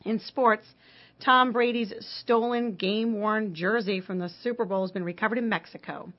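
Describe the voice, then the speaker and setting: Woman reading news over muffled AM radio. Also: mid-range voice. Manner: brisk, even newsreader delivery. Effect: muffled AM radio broadcast sound. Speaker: news, traffic and weather reader. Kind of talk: scripted radio news read. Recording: dull AM radio broadcast.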